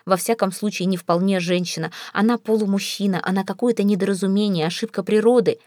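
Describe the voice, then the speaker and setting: A woman's voice: mid-range voice, fairly even intonation, quick pace, a little mellow, no room sound, studio quality, lightly acted. A woman voicing an exasperated, proud young husband in an audiobook, speaking with clipped, rising indignation. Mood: irritated. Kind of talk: audiobook character reading.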